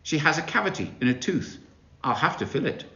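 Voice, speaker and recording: A man's voice: a little high, very animated, brisk, sharp tone, heavily acted. A stern male dentist who scolds a child about sweets, read by a man in his own voice. His tone stays disapproving. The room is echoey and the sound slightly dull. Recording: roomy, dull recording.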